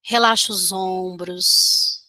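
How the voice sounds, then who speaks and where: A Brazilian woman leading a guided meditation, giving soothing, gentle instructions with long pauses. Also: lowish voice, steady tone, no echo.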